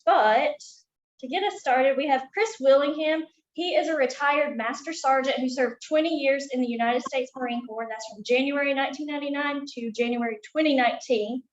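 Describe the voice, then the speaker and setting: A woman's voice: high-pitched, a little fast, echoey room, dull audio. A woman hosting a museum talk, chatty and casual, with frequent ums. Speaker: museum event host. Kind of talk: friendly welcome and introduction. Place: museum room.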